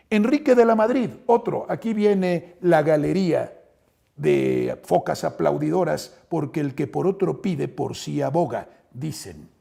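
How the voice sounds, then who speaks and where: Gravelly, husky Mexican man, sarcastic. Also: fairly high pitch, dark tone. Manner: sarcastic, addresses opponents directly. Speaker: political commentator. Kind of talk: combative political commentary.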